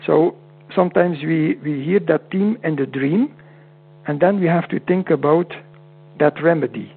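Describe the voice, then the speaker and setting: A Dutch man, a homeopath, is interviewed as a guest over a tinny, phone-like line with hum. His voice is on the high side, gravelly and husky, and he speaks haltingly with a Dutch accent, non-native phrasing and frequently repeated words.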